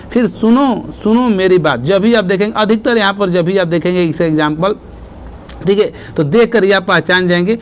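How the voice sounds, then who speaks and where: Grammar teacher guy, high voice, goes over examples slow and keeps checking everyone's following. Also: a little hiss or hum. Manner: explains step by step, reads verse examples slowly, repeats "ठीक है" and "देख रहे हैं ना". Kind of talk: exam-prep grammar lesson.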